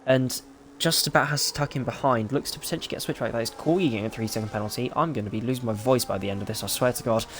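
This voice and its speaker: A man giving excitable, rapid play-by-play as the lead commentator of a live sim racing broadcast. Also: mid-range voice.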